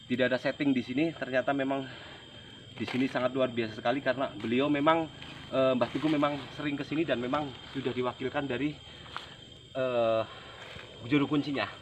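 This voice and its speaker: A man narrating a night ghost-hunting vlog to viewers outdoors, speaking in a halting, repetitive, uneasy way. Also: mid-range voice, steady tone. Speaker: paranormal exploration vlog host. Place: outdoors at night, rural site. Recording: noisy outdoor location recording.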